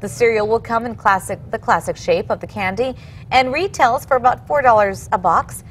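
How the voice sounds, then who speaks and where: A woman's voice: fairly high pitch, normal speed, slight background noise. A woman working as a news anchor, reading scripted television news stories.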